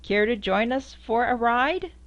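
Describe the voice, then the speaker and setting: With a camera set up in front of her and a quilt hanging behind, an older storybook reader recites a children's picture book in a lilting, sing-song voice, going squeaky on the horn sounds. She's expressive and a little slow, and the audio is dull.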